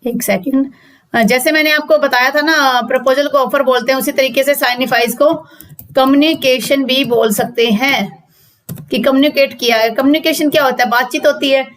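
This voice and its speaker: Woman law tutor, high-pitched, patient step-by-step explainer who quizzes her class. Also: fairly even intonation, moderate pace. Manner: explains step by step, repeats questions and answers to students. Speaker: law teacher. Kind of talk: spoken lecture reading out legal text.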